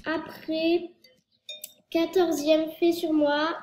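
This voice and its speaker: A woman's voice: very high-pitched, little pitch movement, extremely slow, a little mellow. A girl in her early teens from France, rambling through a casual vlog with lots of fillers and self-corrections, her nose stuffed up from a cold. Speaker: youtuber. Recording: echoey room with faint noise.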